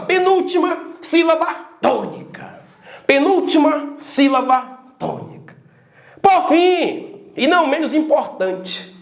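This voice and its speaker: A man teaching a grammar lesson with energy, loudly calling out syllables to show stress. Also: very high voice, roomy sound. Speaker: Portuguese teacher.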